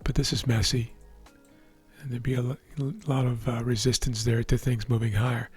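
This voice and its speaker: A trading educator walks through the market live over a chart screen in a relaxed, explanatory manner, regularly checking in with "right?". His middling-pitched voice is husky, hoarse, and fading as if worn from talking, at a moderate pace. Faint background music, no echo.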